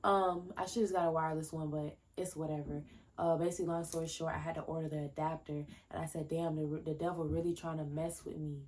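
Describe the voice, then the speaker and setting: A woman in her early twenties hosts a casual solo podcast from home, wandering between tangents with many fillers and restarts. Her low, dark voice stays level and moves fast. There's a little hiss or hum, plus faint fireworks popping in the background.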